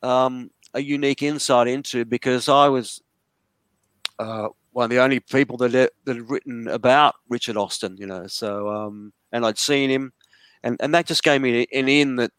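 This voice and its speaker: A man's voice: mid-range voice, moderate pace, fairly bright tone, clean tone, no echo. Dry-sounding man telling a long story. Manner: rambling storytelling with frequent restarts. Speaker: interview guest, writer. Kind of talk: conversational interview. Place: lives in a large city.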